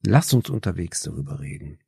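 Man reading a teasing young woman friend, brisk, gravelly, dry, audiobook. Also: deep voice, very animated, warm tone, no room sound, heavily acted.

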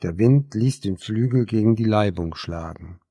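A man reading a novel aloud as narrator, measured and even. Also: on the low side, husky, no room sound. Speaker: audiobook narrator. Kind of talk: scripted narration.

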